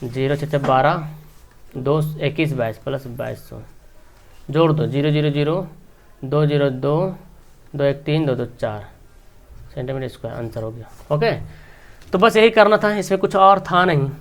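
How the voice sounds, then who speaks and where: Male maths tutor, slightly high voice, explaining at the board with constant tag questions. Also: normal speed, gravelly, pauses often. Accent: Hindi regional, Bihar. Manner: talking while writing, frequent tag questions. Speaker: maths teacher.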